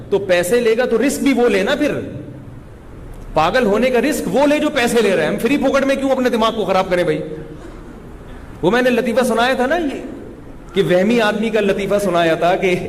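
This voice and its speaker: A man's voice: sits high, slight background noise. A man as a religious cleric answering listeners' questions in a colloquial, humorous way, full of anecdotes. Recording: reverberant hall.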